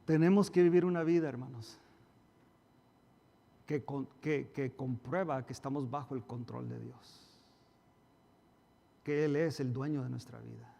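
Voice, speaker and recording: A male pastor preaching a sermon, emphatic, acting out quarrels in a raised voice and dropping to soft asides. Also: medium pitch, a little slow, gravelly, pauses often. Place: church hall. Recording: reverberant church hall.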